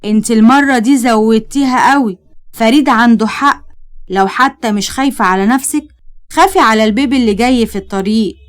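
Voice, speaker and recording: Woman reading a blunt young Egyptian woman who chides quickly and a little loudly. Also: a little high, natural voice. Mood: chiding. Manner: blunt, chiding.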